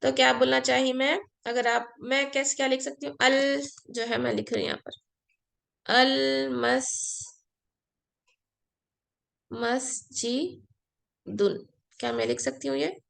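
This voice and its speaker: A woman's voice: sits high, slow, vocal fry, long pauses, a bit bright. A woman teaching an Arabic grammar class, explaining patiently step by step and mixing in English words. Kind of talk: online class lesson.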